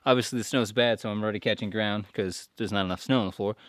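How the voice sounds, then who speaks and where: A breathless man talks quickly and cheerfully, rambling through his thoughts with plenty of ums and uhs. He is outdoors in the snow, filming himself on a handheld camera, and his voice comes across close and dry. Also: lowish voice, steady tone, no room sound. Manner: rambling, upbeat, with fillers. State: out of breath from the cold. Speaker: vlogger, audio engineer. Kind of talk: casual outdoor vlog.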